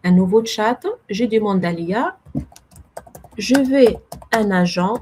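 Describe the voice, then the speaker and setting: A woman presenting a webinar with a non-native French accent, walking viewers through a software demo and explaining step by step while typing. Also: mid-range voice, slow, slight background noise. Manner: explanatory, addresses audience as friends, self-corrects.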